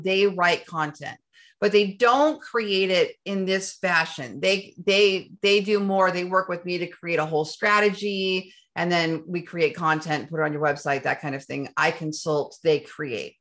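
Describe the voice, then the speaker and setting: Woman SEO tutor walking through software on screen, bright tone, eager to the point of breathlessness. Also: fairly low pitch, measured pace. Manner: enthusiastic, gets breathless with excitement. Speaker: SEO instructor.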